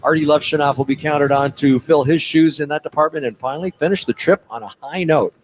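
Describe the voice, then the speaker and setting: A man's voice: a little high, a little fast. A male color commentator breaking down a hockey matchup on radio in a loose, conversational way with lots of fillers. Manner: conversational, many fillers and restarts. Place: arena broadcast booth. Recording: noisy arena radio feed.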